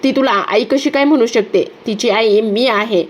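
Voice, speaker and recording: A domineering, arrogant woman, read out by a female narrator who scolds and orders others around. Her voice sits a little high and stays in plain storytelling tone. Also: normal speed, a little hiss or hum, natural voice. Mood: bossy. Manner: bossy, scolding. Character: domineering woman called Sarkar, arrogant and loud.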